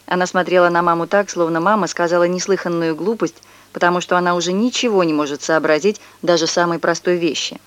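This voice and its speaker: A woman narrating a children's story for an audiobook in a lively, expressive way. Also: on the low side, quick pace, no echo.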